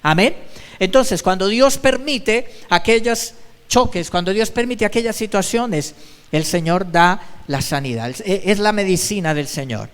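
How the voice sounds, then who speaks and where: A man's voice: high-pitched, expressive, measured pace, clear, resonant tone, in a large hall. A male pastor giving an emphatic sermon, repeating his exhortations. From Colombia. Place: church.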